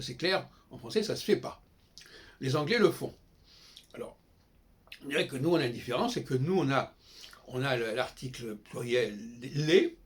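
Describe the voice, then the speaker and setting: An older man giving a casual, digressive spoken lecture, often breaking off and restarting his sentences. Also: medium pitch. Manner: digressive, self-interrupting, frequent restarts. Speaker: host.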